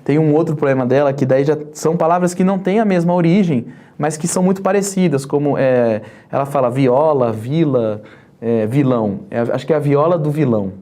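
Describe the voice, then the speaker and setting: This podcast host, whose voice is mid-range, mellow and somewhat dark, conducts a conversational interview haltingly, stumbling through fillers and restarts while steering the guest with guided questions.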